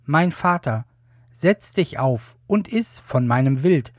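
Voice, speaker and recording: A man's voice: fairly high pitch, lively intonation, slow, dry recording, clean studio sound. A man voicing a bitter, wronged elder son who hunts, read in a plain pleading way.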